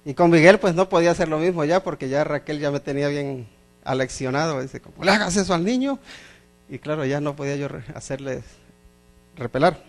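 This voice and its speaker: A man's voice: a little high, fairly even intonation, brisk. A middle-aged man preaching a sermon as pastor, emphatic, repeating phrases and asking the congregation questions.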